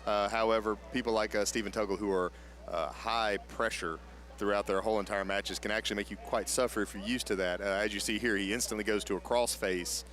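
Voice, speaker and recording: A man's voice: lowish voice, steady tone, a little fast, fairly bright tone. A man giving explanatory live play-by-play commentary on a grappling match.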